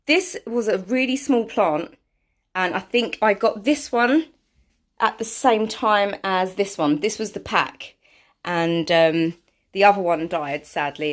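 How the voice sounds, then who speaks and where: A woman chatting casually through a home vlog, self-deprecating and full of fillers. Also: medium pitch. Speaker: vlogger. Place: home, indoors.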